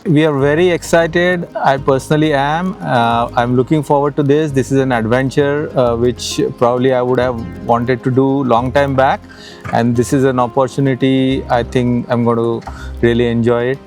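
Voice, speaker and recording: A man's voice: mid-range voice, steady tone, normal speed, darkish tone, faint music behind. A man speaking as a trip participant in a casual, unscripted testimonial.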